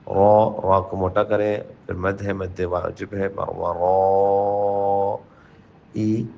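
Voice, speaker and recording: Male Quran teacher, brisk explanations between slow chanted verses, low gravelly voice. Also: flat delivery, lo-fi sound. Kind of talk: tajweed lesson with chanted recitation.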